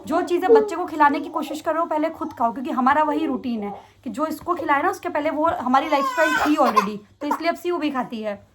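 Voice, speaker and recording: A young woman vlogger answering viewer questions in a fast, chatty way. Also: sits high, expressive, background noise. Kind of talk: casual Q&A chat.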